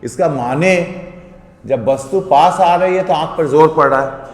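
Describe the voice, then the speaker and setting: A male teacher gives a physics lesson in a classroom, working through it step by step and frequently putting questions to his students. His voice is on the high side and unhurried, and the echoey room adds a long reverb.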